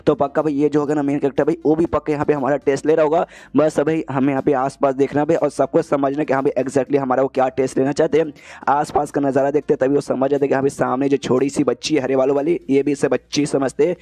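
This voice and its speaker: Chatting loosely through a comic story recap, a male manhwa narrator keeps calling his listener "bhai" (brother) almost line after line. His voice is a little high with a dark tone.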